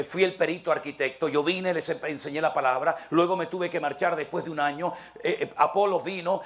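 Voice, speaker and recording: A man's voice: high-pitched, pitched above the performer's own voice. A man playing an exasperated apostle scolding. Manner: indignant, rising rhetorical questions.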